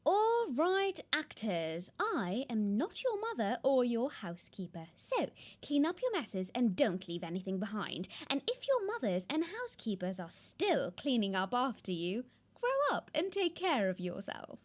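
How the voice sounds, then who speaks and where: A woman's voice: a little high, wildly swooping pitch, measured pace, few pauses, exaggerated voice. A woman playing a curt, bossy stage manager. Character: brusque female stage manager, fed up. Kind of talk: comedic audio drama.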